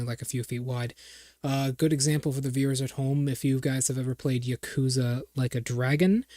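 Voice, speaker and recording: A man's voice: mid-range voice, darkish tone, no room sound, clean studio sound. A man narrating a tabletop game as game master, rambling and searching for words as he explains.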